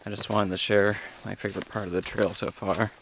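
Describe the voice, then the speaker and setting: Low-voiced young man vlogging on a trail. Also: level tone, a bit bright. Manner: halting, many fillers, easygoing. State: out of breath while hiking uphill. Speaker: thru-hiker vlogger. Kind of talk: casual trail vlog. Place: outdoors on a mountain trail. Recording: outdoor clip with clear background noise.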